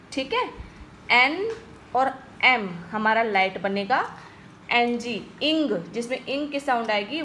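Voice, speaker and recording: Female tutor, high bright voice, slow patient delivery, faint background hum. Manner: patient, repeats "ठीक है guys" often. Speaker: stenography teacher. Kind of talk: video lesson explaining strokes.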